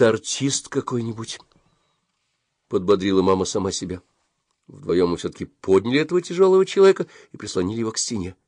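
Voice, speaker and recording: A man reading a story aloud as an audiobook narrator, with an expressive storytelling delivery. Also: on the low side, no room sound.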